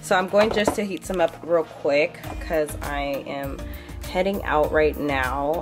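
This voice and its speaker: Young adult woman, lowish voice, casual vlog chat, bubbly, says "like" a lot, music playing behind. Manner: bubbly, says "like" and "you guys" constantly. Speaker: lifestyle vlogger. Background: background music.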